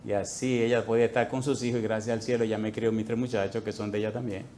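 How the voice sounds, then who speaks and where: A man preaching a sermon to a congregation, telling a story with acted-out dialogue and swinging between loud outbursts and quiet asides. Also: on the low side, little pitch movement, fast, a little hiss or hum. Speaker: pastor. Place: church, before a congregation.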